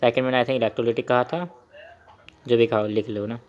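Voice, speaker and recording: A man's voice: mid-range voice, level tone, brisk, lo-fi sound. A young man teaching a chemistry lesson while he writes, asking the class questions and repeating key terms.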